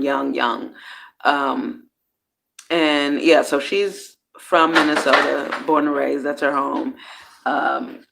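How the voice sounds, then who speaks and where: This woman's deep voice has vocal fry and a fairly bright tone. In a casual reflective monologue for her personal growth series, she speaks candidly, slips in slang and profanity, and often abandons and restarts sentences.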